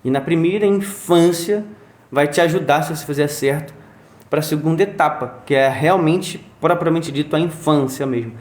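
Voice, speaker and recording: In a recording with a roomy echo, a father who is a guest tells a story during a relaxed chat. His voice is fairly high and his speed normal, and he performs the sounds and quotes along the way.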